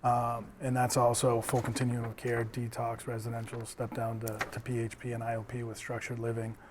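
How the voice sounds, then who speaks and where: A man's voice: medium pitch, monotone, a little fast, noisy background. A man with a Boston accent, earnest and conversational, speaking on a community panel as a treatment center representative. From Lynn, Massachusetts. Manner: earnest, conversational, speaks from personal recovery experience. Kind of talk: panel discussion.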